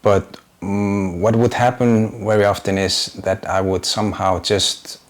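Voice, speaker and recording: This Icelandic-accented graphic designer and YouTuber in his forties talks in English, his second language, through an off-the-cuff vlog. The voice sits lowish, with fairly level intonation and a measured pace. Many fillers creep in as he hesitates and searches for the right words.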